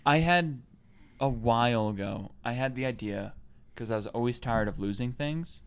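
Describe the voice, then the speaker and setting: Casting: man, mid-pitched voice, rambling and animated podcast co-host. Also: moderate pace, smooth. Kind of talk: casual chat.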